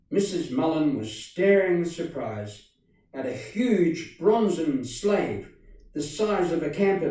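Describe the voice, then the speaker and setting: A man reading a children's story aloud in a slow, measured way. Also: on the high side, a little mellow. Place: studio. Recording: very echoey room, distant mic.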